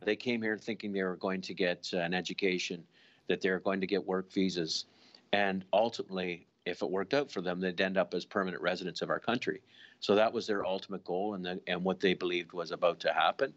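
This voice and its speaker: A man who is a senior police official answering interview questions in a deliberate, official way, pausing with fillers. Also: low-pitched, fairly even intonation, fairly bright tone, lo-fi sound. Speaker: police deputy commissioner.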